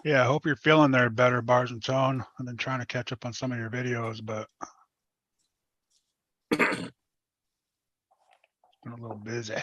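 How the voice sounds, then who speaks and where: A man hosting a casual group video chat about RC hobbies, greeting people in a relaxed, friendly way. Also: mid-range voice, normal speed, long pauses, no room sound, dull audio. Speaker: host of an online RC hobby chat. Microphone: video call.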